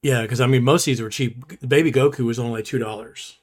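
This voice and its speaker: A man's voice: medium pitch, steady tone, fast talker. A man co-hosting a podcast, chatting casually in a rambling, easygoing way. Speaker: podcast co-host. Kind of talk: casual chat.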